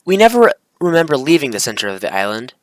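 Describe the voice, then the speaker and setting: Here the creator's voice is sing-song and fast at medium pitch, captured in a dry recording. Reading a self-written script for a video, this hobbyist visual novel maker stumbles, self-corrects, and drops in casual slang.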